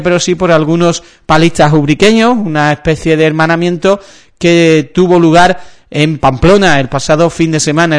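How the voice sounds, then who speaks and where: A man hosting a radio sports segment, presenting news off the cuff and often halting to search for words. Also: a little high, clear, resonant tone. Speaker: local radio sports host.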